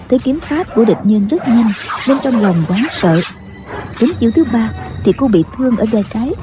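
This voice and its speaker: A woman narrating a martial-arts audiobook in a steady storytelling manner. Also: on the high side, noisy background. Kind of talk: scripted narration. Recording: with background music.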